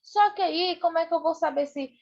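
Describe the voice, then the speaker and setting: A woman's voice: very high-pitched, brisk, gravelly, a little mellow, muffled recording. A Brazilian woman teacher giving an online lesson for children, patient and repetitive, checking in often. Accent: Brazilian Portuguese. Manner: patient, repeats with "né?" and "tá bom?".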